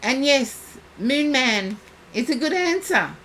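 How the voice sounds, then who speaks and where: A woman's voice: high-pitched, expressive, takes it slowly, fairly bright tone, slight background noise, rough recording. A woman giving psychic readings on a live stream, chatting and addressing viewers by name. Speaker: psychic reader.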